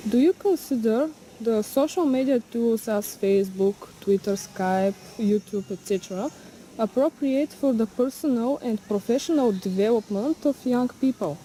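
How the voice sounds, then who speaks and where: A woman's voice: on the high side, moderate pace, dark tone, a little hiss or hum, low-quality recording. A woman interviewer reading out her questions, with the odd filler.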